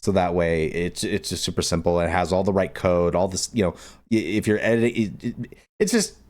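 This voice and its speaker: A man hosts a casual screen-recorded game modding video, his low, darkish voice animated and a bit fast. He rambles informally and keeps repeating himself.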